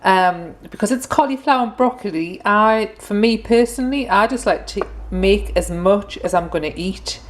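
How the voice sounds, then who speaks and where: A woman's voice: medium pitch, normal speed, few pauses. Chatty British woman cooking at home. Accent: British English. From Britain. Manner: chatty, self-correcting and homely. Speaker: vlogger. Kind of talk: casual cooking vlog.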